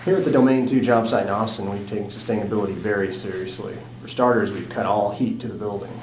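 Man, low voice, deadpan site report, echoey room. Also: fast. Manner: dry, matter-of-fact. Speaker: presenter at a job site. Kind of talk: mock reporting. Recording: echoey room, faint noise.

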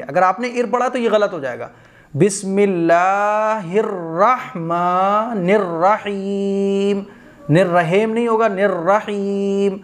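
A man with an Indian Urdu accent giving a pronunciation lesson as a recitation teacher, repeating words slowly and drawing them out. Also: a little high.

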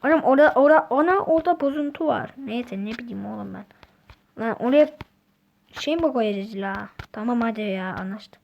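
A woman giving casual, excitable gameplay commentary, talking to herself and her viewers as she plays. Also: on the high side, moderate pace, vocal fry, lo-fi sound. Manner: chatty, excitable, talks to self and viewers. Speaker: gaming channel host.

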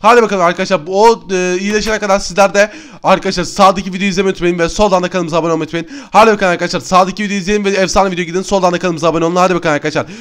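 An excitable young man talking his viewers through a game he is playing. His voice sits high and rushes along quickly. The tone is clean and smooth. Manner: excitable, talks straight to viewers. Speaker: gaming YouTuber. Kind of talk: Let's Play commentary.

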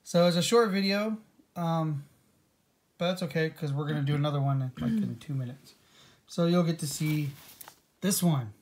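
A man co-hosting a casual home video with his wife, talking in a relaxed, rambling way and restarting sentences as he thinks aloud in a room at home. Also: a little high, normal speed, pauses often. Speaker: coin-collecting vlogger, co-host with his wife. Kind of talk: casual chat.

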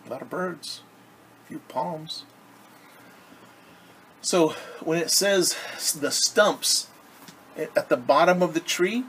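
A middle-aged man, acting as a teacher, reads a story expressively to children in a home living room, adding simple asides to explain words. His voice is a little high and fairly bright. The recording is low quality, made at arm's length from the camera, with clear room noise in the background.

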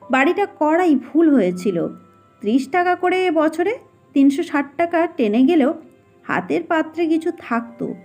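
A woman narrating a short story in a measured, expressive reading voice. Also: high voice. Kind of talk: audiobook narration. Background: faint background music.

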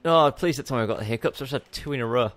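A man's voice: mid-range voice, rapid-fire, soft background music. A young man giving casual gameplay commentary as a let's play host, chatty and rambling, often correcting himself mid-sentence.

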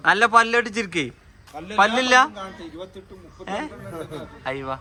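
A man with a fairly high voice and a Malabar Malayalam accent hosts a casual vlog. He is chatty and teasing, and there is busy chatter of people around him. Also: very animated, slow pace. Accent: northern Kerala Malabar Malayalam. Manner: playful, teasing, chatty with companions and children. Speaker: vlogger showing guests around a resort.

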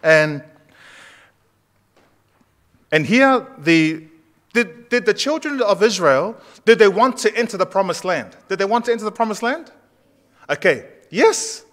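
A pastor in his thirties delivers a loose, conversational sermon in a church sanctuary, asking questions of the people in the pews. For a man his voice is fairly high, with lively intonation, normal speed, and a slightly bright sound. It's captured by a far camera at the back of the church.

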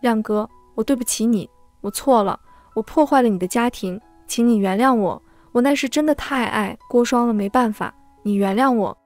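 A desperate man pleads and abases himself, read by a woman telling a story. The voice sits a little high and the sound is close and dry, with nothing ringing around it. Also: normal speed, a little mellow, dry recording, soft background music, natural voice. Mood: pleading. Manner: begging, self-abasing. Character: pleading, groveling man who wronged the narrator.

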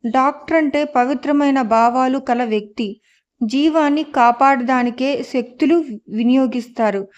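A woman reading a story, voicing a calm, firm young woman who pleads steadily. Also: high voice, measured pace. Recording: dull lo-fi audio.

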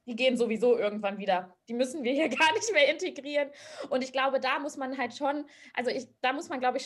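Young woman, activist, slightly high voice, lively, english phrases mixed in, video call from home. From Germany. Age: young adult. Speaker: activist, panel guest. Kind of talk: online panel discussion. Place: small room at home.

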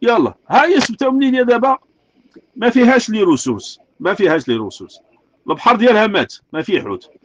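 A man with a Moroccan Arabic accent delivers an impassioned rant, firing off rhetorical questions and repeating himself for emphasis. His voice sits high and moves fast, and the recording sounds slightly dull and lo-fi. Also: animated, a bit bright, slight background noise. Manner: angry, repetitive, rhetorical questions. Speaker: street artist speaking out.

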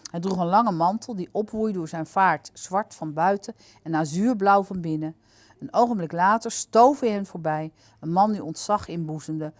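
A woman reading aloud from a children's book in a calm, clear, steady manner. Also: lowish voice, no room sound. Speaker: storyteller.

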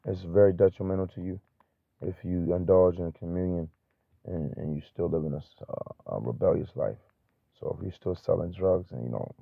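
Deep gravelly man preaching over a tinny line. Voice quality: stutters. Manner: halting, many fillers and restarts. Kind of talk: informal freestyle preaching. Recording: tinny phone-like, dry.

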